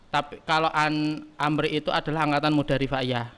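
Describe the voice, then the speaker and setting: A man in his early twenties, a student leader answering podcast questions in a halting way, often pausing to search for words. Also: on the high side, level tone, fairly bright tone, clean tone. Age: early 20s. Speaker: guest, student council chairman. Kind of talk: casual podcast interview.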